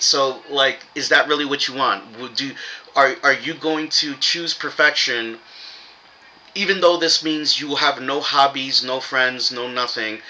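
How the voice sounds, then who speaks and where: Bright-voiced man, casual and informal, rambling spiritual commentary. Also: mid-range voice, rough recording. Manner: rambling, informal, with fillers and swearing. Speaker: religious commentator.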